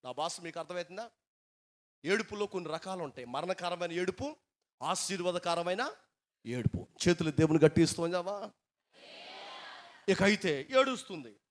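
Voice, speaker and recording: A middle-aged male pastor preaching a sermon, swinging from soft asides to loud dramatic cries. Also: high-pitched, lively intonation, normal speed, pauses often.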